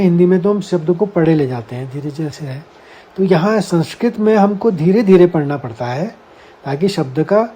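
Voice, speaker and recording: A man's voice: sits high, mellow. A man teaching a scripture lesson, explaining word meanings and carefully sounding out each Sanskrit syllable for his listeners. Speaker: Gita teacher.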